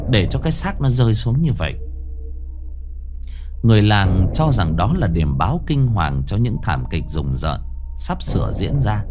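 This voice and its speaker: Brief: male storyteller for a ghost tale, mid-pitched and animated, steady noise behind. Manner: dramatic, swinging intonation. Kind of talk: scripted horror story narration.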